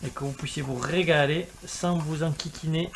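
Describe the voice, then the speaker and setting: A man's voice: a little high, fairly even intonation, moderate pace, a little hiss or hum. A man talking casually through a home cooking demonstration, chatty with jokey asides while he works. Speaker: cooking video host.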